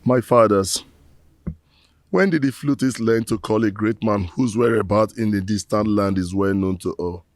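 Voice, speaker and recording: A man's voice: lowish voice, moderate pace, no room sound, soft background music, close to an everyday voice. A man playing a remorseful middle-aged man who solemnly pleads with his ancestors in proverb-laden prayer.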